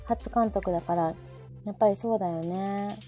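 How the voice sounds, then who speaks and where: Hosting a casual live audio chat, a woman speaks with a Kansai Japanese accent in a warm, mid-range voice at a normal speed. She often voices agreement as others talk, with faint background music underneath.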